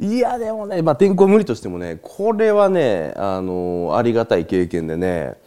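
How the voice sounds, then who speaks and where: A man's voice: medium pitch, sing-song, moderate pace, dark tone. A man hosting a casual solo talk, telling stories in a chatty way and laughing often between points. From Japan. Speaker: host.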